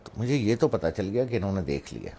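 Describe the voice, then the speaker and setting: Man, middle-aged, from Pakistan, religious speaker, anecdotal storytelling, fairly low pitch. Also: very animated, dark tone, slight background noise. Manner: anecdotal, acts out family members' voices. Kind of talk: storytelling talk with a moral.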